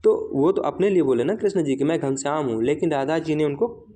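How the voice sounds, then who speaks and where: A man with a slightly high voice teaches an exam revision class. He poses rhetorical questions and answers them himself, and keeps checking with "right?". He slows right down whenever he recites an example line. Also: expressive, warm tone.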